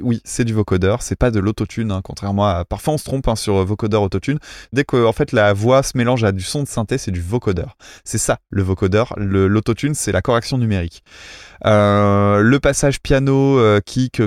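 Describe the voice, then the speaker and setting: A man's voice: fairly low pitch, a little mellow, no echo, clean studio sound. A man co-hosting a casual music chat, critiquing cover songs in a technical, self-mocking way with lots of fillers. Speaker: podcast co-host reviewing cover songs.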